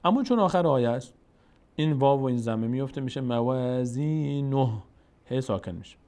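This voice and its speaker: Tajik guy teaching quran reading, explains a rule then stretches the words out slow, mid-pitched voice. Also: animated, a little mellow. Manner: explains rules, then chants example words slowly and drawn out. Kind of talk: step-by-step tajweed lesson.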